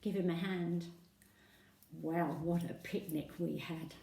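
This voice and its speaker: A woman's voice: fairly low pitch, steady tone, takes it slowly, vocal fry, warm tone. Chatty woman telling a comic tale. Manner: chatty, gossipy, with sung and whispered asides. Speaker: storyteller. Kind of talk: first-person comic monologue. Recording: roomy echo, voice from a distance.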